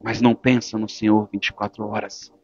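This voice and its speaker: A man preaching a sermon as a pastor, swinging between forceful exhortation and hushed, intimate speech. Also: on the low side, flat delivery, a little fast, slightly rough, no echo. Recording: dull lo-fi church recording with faint music.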